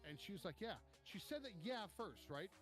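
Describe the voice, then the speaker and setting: Profane animated storytelling man. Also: high-pitched, normal speed, faint music behind. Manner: animated, profane, acts out quotes. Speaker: podcast co-host. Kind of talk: casual storytelling chat.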